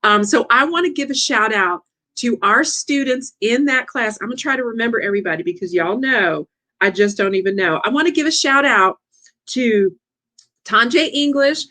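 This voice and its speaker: A woman hosting a lively coaching livestream, chatty and excitable, talking straight to her audience. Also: on the high side, moderate pace.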